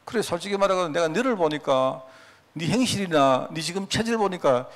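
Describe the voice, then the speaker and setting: A pastor voicing Jesus as a plain-spoken, gently teasing man. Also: fairly high pitch, expressive, a little fast, lightly acted. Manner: folksy, blunt, teasing.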